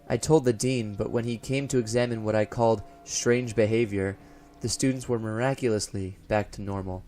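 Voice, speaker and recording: Over background music, a man narrates a first-person gothic horror audio drama as a haunted college professor coming apart into paranoid dread. His fairly low voice is formal, deliberate and theatrical, lightly acted, and swells from hushed to frantic.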